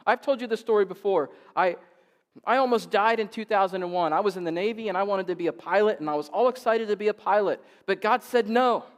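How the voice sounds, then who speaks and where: A man's voice: high-pitched, quick pace, big-room sound. A male pastor in his forties preaching a sermon in a church, driving his points home with emphatic, repeated phrases.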